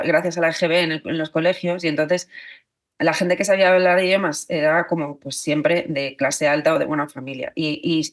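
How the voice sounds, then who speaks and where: A woman, a journalist and author talking as a podcast guest, thinking aloud with many fillers and restarts. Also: on the low side. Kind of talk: podcast interview.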